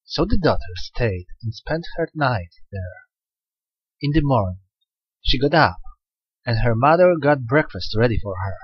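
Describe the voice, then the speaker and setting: A man narrating a dark folktale audiobook with an expressive reading and a few small slips. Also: medium pitch, measured pace, breathy edge, no room sound. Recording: dull lo-fi recording.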